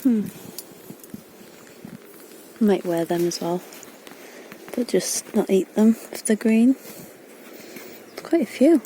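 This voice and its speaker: A woman's voice: medium pitch, takes it slowly, long pauses, rough recording. A woman gardening vlogger chatting casually as she works outdoors at her allotment and talks to her dog. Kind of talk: casual vlog narration. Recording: outdoor recording with clear background noise.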